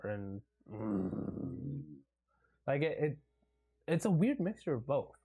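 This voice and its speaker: A man with a dark, mellow voice and a slightly husky edge talks movies in a loose, excited way. He swears freely, laughs a lot and acts out favorite lines. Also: mid-range voice, slow. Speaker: podcast co-host. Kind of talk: casual movie review chat.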